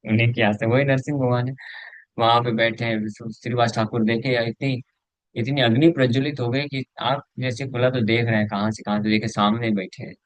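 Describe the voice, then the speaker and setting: A man's voice: fairly low pitch, no room sound. A man preaching a sermon, telling a scripture story vividly with recited verses and acted quotes.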